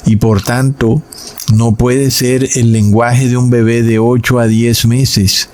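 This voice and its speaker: A man preaching in a sermon-style Bible lesson, addressing his listeners as brothers and slowing down on key words for emphasis. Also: medium pitch, little pitch movement, darkish tone.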